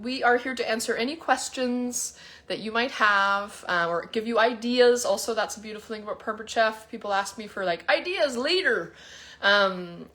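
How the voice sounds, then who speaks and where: A woman's voice: medium pitch, a bit bright. A chatty woman hosting a casual live cooking demo from her home kitchen, talking to viewers and selling cookware. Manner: chatty, bubbly, talks to viewers. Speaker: cooking demo host and sales consultant.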